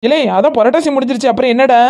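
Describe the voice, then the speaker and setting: A woman voicing a grumbling, high-voiced cartoon village aunt. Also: rapid-fire, very noisy, natural voice. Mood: annoyed. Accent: Kanyakumari Tamil. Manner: complaining, dramatic wailing. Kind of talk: cartoon voice acting.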